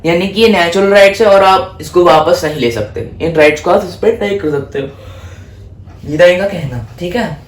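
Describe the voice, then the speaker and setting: A man's voice: high voice, moderate pace. A man giving a casual exam-prep history lesson. He mixes Hindi and English, asks himself questions and then answers them, and stumbles over French names. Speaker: history tutor. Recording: echoey room, faint background noise.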